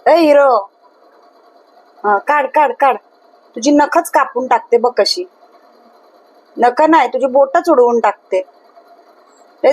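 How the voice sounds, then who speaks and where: Woman, high voice, unhurried, teasing sing-song talk to a cat, dry close sound. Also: no echo, poor audio. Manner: teasing, sing-song calling, mimics meowing. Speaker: vlogger talking to her cats. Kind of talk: playful scolding chat with pets.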